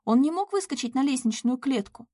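A woman's voice: high-pitched, expressive, brisk, warm tone, no room sound, studio quality, pitched above the performer's own voice. A woman voicing a sobbing, pleading young woman. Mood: distraught pleading. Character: tearful young woman begging over her lost cat.

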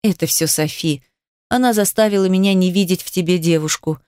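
Brief: woman reads brooding young man, soft low murmur, dry close sound, romance audiobook. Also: a little fast, no room sound, close to an everyday voice. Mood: earnest.

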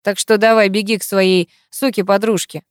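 A woman's voice: medium pitch, steady tone, normal speed, clear, resonant tone, no room sound, lightly acted. Woman reading the part of a cruel, controlling husband, hissing and mocking, menacing tone, dry close sound, audiobook drama. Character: brutal controlling husband, adult man.

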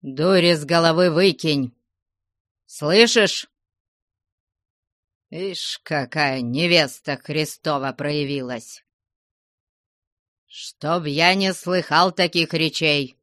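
A woman voicing a stern, angry old merchant father who shouts threats at his family in an audiobook. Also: sits low, takes it slowly, no echo, studio quality, exaggerated voice. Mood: threatening.

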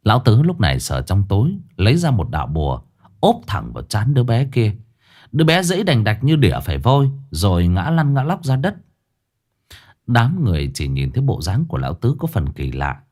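A man narrating a ghost story in a lively, dramatic scripted reading. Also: on the low side, normal speed.

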